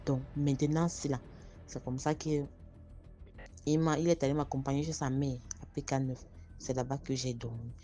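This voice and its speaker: A woman's voice: extremely low pitch, fairly even intonation, normal speed, mellow, soft background music. A woman telling her own story casually, speaking straight to her listeners and painting vivid pictures. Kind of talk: casual first-person storytelling.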